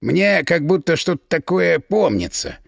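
A man's voice: a little high, very animated, unhurried, creaky, no room sound, studio quality, full character voice. A man voicing a lazy, boozy male inventor with an ironic, weary manner.

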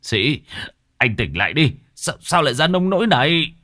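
A man's voice: a little high, very animated, normal speed, sharp tone, no echo, clean studio sound, pitched above the performer's own voice, full character voice. A man voicing a frantic, grief-stricken elderly father-in-law in a spoken ghost story, pleading and wailing. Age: older.

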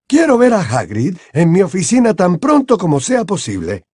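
A calm, commanding old headmaster of wizards, as the audiobook reader puts him on, raised high above a deep natural voice, husky, with a lively, swinging pitch. Every word is weighed and grave. The voice is dry and close, with no room around it. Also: male voice, dry recording, heavily acted. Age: over 60. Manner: measured, deliberate, grave. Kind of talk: audiobook character voice.

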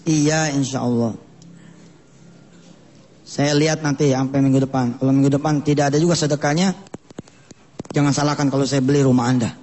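A man preaching a lively sermon in a mosque, acting out scenes and jumping his voice up and down for different characters. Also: fairly quick, pauses often. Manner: animated, voices characters with sudden pitch jumps.

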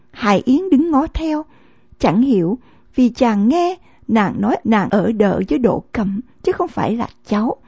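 Woman, audiobook narrator, measured storytelling, mellow husky voice, muffled dry sound. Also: on the high side, no echo. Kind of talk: scripted novel narration. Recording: dull lo-fi dry recording.

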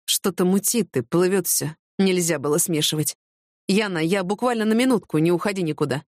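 A woman reading an audiobook, voicing a drugged, drowsy man who speaks slowly and slurs. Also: on the low side, darkish tone, no echo, studio quality, natural voice. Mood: woozy.

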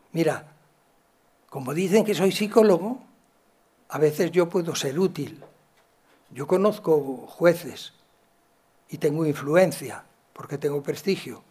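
A man from gives a talk, telling stories from his work as a psychologist and acting out the dialogue with big swings in loudness. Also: fairly high pitch, slightly rough. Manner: animated, acts out dialogue with shifts in loudness. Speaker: psychologist and educator giving a talk. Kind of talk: storytelling lecture.

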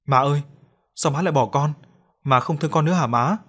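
A man's voice: fairly high pitch, brisk, a bit bright. A man voicing a small grieving boy in a spoken audio story, with a tearful, pleading manner. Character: small boy grieving, crying for his dead mother.

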